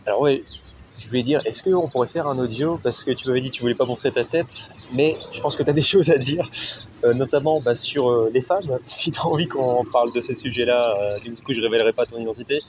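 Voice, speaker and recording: A man's voice: medium pitch, a little fast. A man conducting a casual interview as the host, speaking hesitantly and repeating himself. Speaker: interviewer, YouTuber helping expatriates. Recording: outdoor recording with faint street noise.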